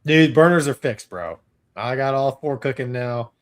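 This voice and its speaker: A man co-hosting a casual chat show, loose and animated, laughing often. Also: mid-range voice, normal speed. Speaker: co-host.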